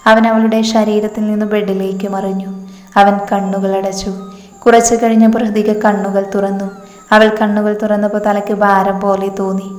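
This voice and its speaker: A woman storyteller narrating a romance story with a steady, even reading. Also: mid-range voice, normal speed. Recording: echoey room with long reverb, faint music.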